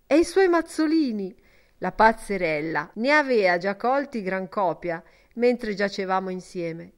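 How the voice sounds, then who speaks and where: A woman's voice: medium pitch, expressive, measured pace. A woman reading an earnest young man in an audiobook, speaking fervently and in a confiding tone.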